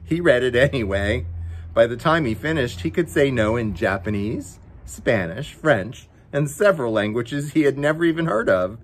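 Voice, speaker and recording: This story time host reads a picture book for children in an expressive mid-range voice at normal speed, with slight background noise. He's playful and coaxing, turning to address the kids directly between passages.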